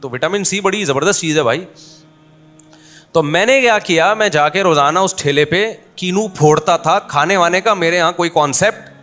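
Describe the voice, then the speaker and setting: Chatty preacher with a raised voice. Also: male voice, a little high, brisk, fairly bright tone, faint music behind. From Pakistan. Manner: chatty, humorous storytelling, addresses listeners directly. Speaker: Islamic preacher. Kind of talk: informal religious talk with anecdotes.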